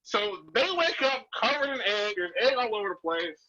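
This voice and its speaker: A man's voice: high-pitched, animated, normal speed, bright, forceful tone, highs cut off, a little hiss or hum. A man telling a story in casual chat, laughing as he goes.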